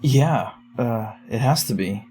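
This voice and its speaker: With a warm, animated mid-range voice, a man voices a young character sifting through eerie case recordings. He narrates slowly and reluctantly, then trades wary, exasperated lines with a friend. Soft music plays in the background of this audio drama.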